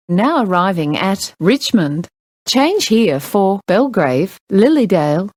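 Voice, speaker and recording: A woman reading scripted onboard train announcements in a measured, formal public-address manner. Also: medium pitch, a little mellow, dry recording.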